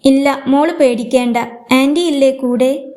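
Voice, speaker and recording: A woman's voice: high voice, a little slow, mellow. Woman voicing a fierce protective young woman. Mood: soothing. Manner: firm, scolding.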